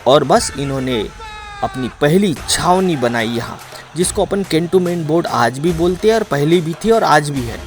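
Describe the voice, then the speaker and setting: A man narrating a travel film in a dramatic, chatty storytelling manner. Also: on the high side.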